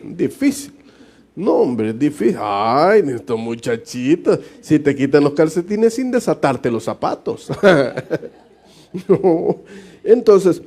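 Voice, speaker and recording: With a warm, high-leaning voice and a Salvadoran Spanish accent, a pastor from El Salvador gives a relaxed Bible study sermon. He keeps it colloquial and full of jokes, chuckling frequently and acting out brief exchanges.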